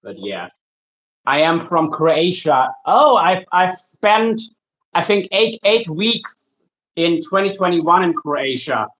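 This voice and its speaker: A man from Germany, a shark angler chatting casually with viewers while he works, easygoing and halting, often restarting his sentences. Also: on the high side, very animated, a bit bright, low-quality recording. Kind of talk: casual livestream chat while working.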